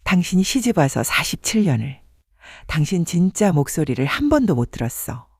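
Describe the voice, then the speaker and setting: A man voicing a remorseful elderly husband around seventy, with plain, halting speech. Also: on the high side, very animated, slightly rough, dry recording, clean studio sound, heavily acted.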